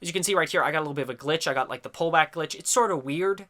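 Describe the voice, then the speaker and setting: A man's voice: fairly high pitch, rapid-fire, sharp tone. A young man with a stuffy, congested voice giving chatty, explanatory commentary over gameplay footage. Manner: chatty, explanatory, trails off with "I don't know". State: stuffy from a sinus infection. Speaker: gaming commentator. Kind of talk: recorded game commentary.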